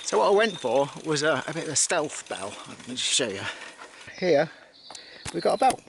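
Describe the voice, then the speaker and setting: A man from the United Kingdom talks while cycling along an outdoor path, his voice slightly on the high side. He rambles easily, circling back with fillers and restarts. Clear wind and road noise from the outdoors run under his voice. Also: big pitch swings, normal speed. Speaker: cycling vlogger. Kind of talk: casual talk while riding.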